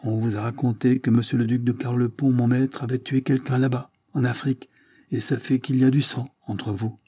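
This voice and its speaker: A man's voice: flat delivery, fairly quick, slightly rough, dry recording, natural voice. A man reading an audiobook, voicing a devoted elderly peasant nursemaid who speaks earnestly and urgently. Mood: pleading. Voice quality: raised pitch, forceful. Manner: earnest and pleading.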